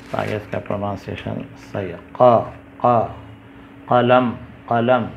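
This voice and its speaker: A man with a gravelly voice teaches letters at a slow, patient pace, calling each sound out several times. The recording is dull and lo-fi, with a faint hiss behind him. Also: on the low side. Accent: Indian Urdu. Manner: patient, repeats each sound loudly and slowly. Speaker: Urdu teacher.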